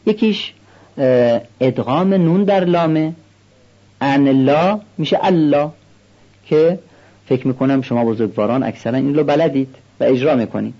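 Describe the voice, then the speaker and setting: A man teaching how to recite a prayer call, explaining calmly and slowing down to demonstrate the pronunciation. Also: on the high side, dull audio. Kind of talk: instructional explanation with recited examples.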